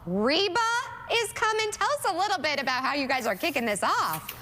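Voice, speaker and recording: Bright, chatty woman host on a morning show, lively swings, reverberant studio. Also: sits high, quick pace. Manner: bubbly, playful, calls people girl. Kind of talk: casual studio chat.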